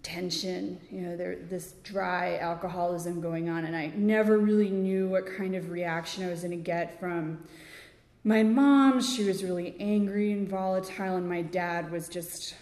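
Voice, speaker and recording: Woman recovery speaker, halting, chatty fillers, small laughs, recorded in a reverberant hall. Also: fairly low pitch, steady tone, a little mellow. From Connecticut, USA. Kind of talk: personal recovery testimony. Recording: echoey hall with long reverb.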